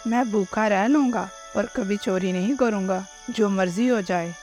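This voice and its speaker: A woman's voice: medium pitch, unhurried, a little mellow, lightly acted. A woman voicing an honest young boy bird, the son of thieves, who talks in an earnest, pleading way. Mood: earnest remorseful. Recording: faint music behind the voice.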